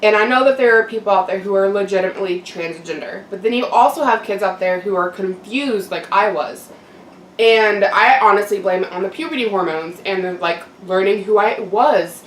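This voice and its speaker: A young adult woman giving a casual, candid personal monologue to camera in a reflective, halting way with frequent pauses. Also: medium pitch. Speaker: mukbang vlogger. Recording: roomy echo, distant mic, background noise.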